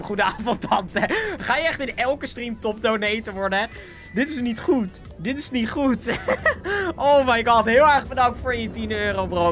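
This is casual live game commentary from a young Dutch-accented streamer whose pitch is fairly high and tone fairly bright. He comes across as bouncy and giggly while nursing a sore throat. Music plays faintly underneath.

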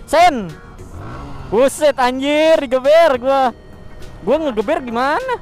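A young motovlogger with a high voice rides a motorbike through city streets at night, talking into his helmet intercom in quick, slangy bursts. He's excitable and exclaims often during this casual riding chat, with faint music playing underneath.

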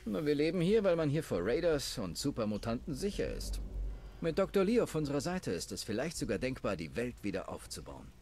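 A man's voice: mid-range voice, big pitch swings, a little fast, a little mellow, a little hiss or hum. An actor playing a snobbish, scheming male town councilman in a dubbed video game, talking in a pompous, condescending way. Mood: smug.

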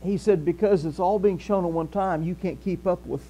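Here an older Southern man serves as pastor in a small church hall, giving a conversational sermon at a moderate pace in a high voice. He moves around the stage and gestures animatedly, and there's a faint mains hum in the recording.

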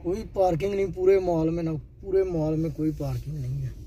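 A travel vlogger in his thirties, his voice fairly high, mellow and fairly quick, gives a chatty tour from a car and then inside a shopping mall. He films on a handheld phone camera, repeating "check karein ji" as he points things out, with background noise audible.

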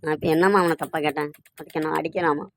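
A woman's voice: low-pitched, fairly even intonation, fast, background noise, pitched below the performer's own voice. Woman doing a meek, plaintive old man. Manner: pleading, plaintive. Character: kindly old man bystander, meek and easily beaten. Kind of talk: cartoon voice acting.

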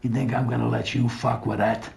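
An actor playing a blunt, threatening studio boss in a film. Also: male voice, mid-range voice, level tone, fairly quick, creaky, darkish tone, slight background noise. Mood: menacing. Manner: blunt, menacing. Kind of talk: film dialogue.

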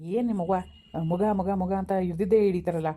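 An actor playing an irritable young newlywed husband who complains fast and heatedly in a village family drama. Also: male voice, high-pitched, steady tone, warm tone. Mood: grumbling. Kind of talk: everyday village drama acting.

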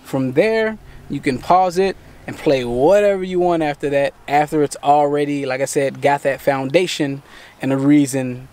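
In daylight, from the seat of a parked car, a thirtysomething tech host casually and patiently takes viewers through a fix step by step. His pitch is fairly high, his tone darkish, and his pace moderate.

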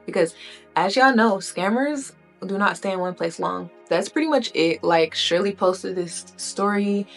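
A woman's voice: mid-range voice, measured pace, faint music behind. A woman hosting a commentary channel, retelling a story in a chatty, casual way and using "like" and "y'all" a lot. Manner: chatty, uses "like" and "y'all" often.

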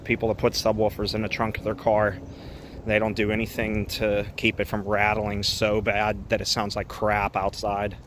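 An urban exploration vlogger strolls around an empty parking lot filming on his phone, narrating casually in a lowish, monotone, slightly bright voice at a moderate pace. He's chatty and amused, laughing often and tossing in asides, with traffic and outdoor ambience in the background.

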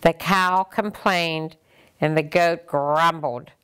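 An older woman gently and expressively reading a picture book aloud to children as a storyteller. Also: deep voice, fairly even intonation, slow pace, smooth.

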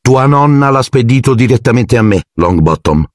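A man's voice: mid-range voice, expressive, normal speed, no room sound, studio quality, voice pushed up, close to an everyday voice. A man voicing a strict, formal older woman teacher in an audiobook, clipped and authoritative. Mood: stern. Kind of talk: audiobook character voice.

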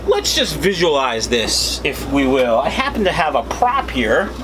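Slow-paced, animated man debunking myths. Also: a little high. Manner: opinionated, informal myth-debunker. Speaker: host of a fishkeeping channel. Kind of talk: debunking vlog, explaining casually to camera. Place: small indoor fish room full of tanks. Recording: steady background hum and noise.

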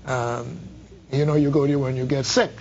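An older man from the Bahamas interviewing a guest in a TV studio, halting, with many repeated words and fillers. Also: medium pitch, steady tone, gravelly, darkish tone, dull audio, slight background noise. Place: dark TV studio. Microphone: lapel mic.

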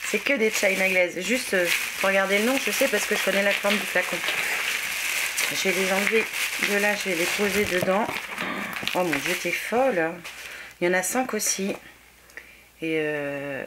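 A woman with a French accent chatting casually as she unboxes a gift parcel on her beauty vlog, exclaiming often and filling pauses with "euh". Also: medium pitch, heavy background noise. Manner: chatty, exclaiming, many fillers. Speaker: beauty vlogger.

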